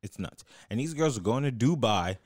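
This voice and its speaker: A man's voice: mid-range voice, lively intonation, normal speed, heavy background noise. A young man telling stories in casual podcast chat, slangy and laughing often.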